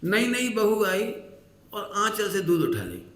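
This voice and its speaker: A man's voice: sits high, big pitch swings, takes it slowly, a bit bright. A man giving a sermon as a Jain preacher, telling stories and acting out a scolding mother-in-law and a cheeky child, often asking the audience questions. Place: hall. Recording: echoey hall.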